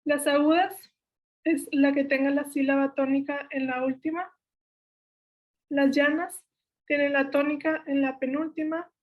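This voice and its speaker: A woman's voice: high voice, a little slow, narrow, tinny audio. A young woman with a Mexican Spanish accent steadily explaining spelling rules step by step, correcting herself now and then. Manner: steady list-like delivery, self-corrects. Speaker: workshop instructor.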